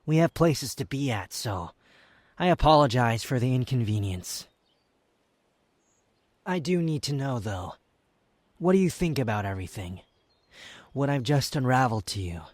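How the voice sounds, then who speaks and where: A man playing an aloof, proud, sardonic young wanderer in an intimate roleplay audio drama, speaking in haughty, formal, halting phrases. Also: mid-range voice, expressive, no echo, close to an everyday voice. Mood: subdued, hesitant. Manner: haughty, formal wording, halting, sighs and scoffs.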